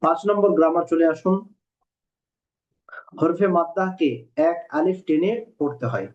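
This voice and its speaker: Male teacher, slightly high voice, patient, spells letters out slowly, muffled lo-fi recording. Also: a little mellow. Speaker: Quran reading teacher. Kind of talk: recorded online lesson. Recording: dull lo-fi recording.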